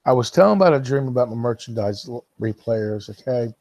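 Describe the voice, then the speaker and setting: A man's voice: medium pitch, expressive, a little fast, darkish tone, dry recording. A man hosting a casual live stream, talking straight to the viewers who watch the replay and reading chat comments aloud to them. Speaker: livestream host.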